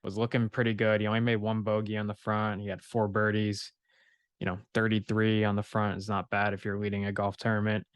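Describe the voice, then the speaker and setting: A man with a fairly low voice co-hosts a casual sports podcast. He sounds close and dry, with little room around him. He recaps in a plain, laid-back way. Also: monotone, a little fast, smooth, no room sound. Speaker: podcast co-host.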